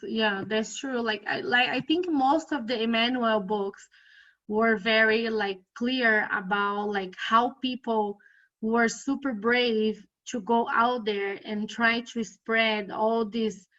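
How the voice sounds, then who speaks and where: Woman in a study group, slow and unsure, keeps hunting for words, kinda muffled recording. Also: fairly high pitch, steady tone, a bit bright. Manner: hesitant, searching for words, many fillers. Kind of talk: casual spiritual study discussion. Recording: dull lo-fi audio.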